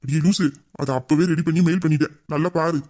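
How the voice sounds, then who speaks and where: A man's voice: on the high side, steady tone, fast, a little mellow. A man playing a teasing, bossy male boss. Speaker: boss voicing a romantic male lead. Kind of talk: Tamil audio drama acting.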